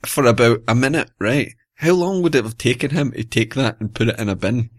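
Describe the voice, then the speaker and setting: A man's voice: medium pitch, brisk. A man with a Glasgow accent, co-hosting a podcast with casual, colloquial rants and anecdotes. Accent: Glaswegian. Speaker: podcast co-host. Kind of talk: casual ranting chat and anecdotes.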